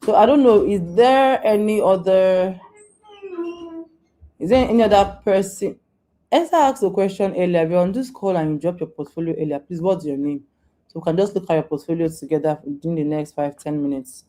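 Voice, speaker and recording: A woman answers questions in a live online session over a video call. Her voice sits low and mellow, with a relaxed, warm tone. She talks informally, restarting and repeating herself as she coaches. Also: moderate pace. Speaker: guest speaker on data careers.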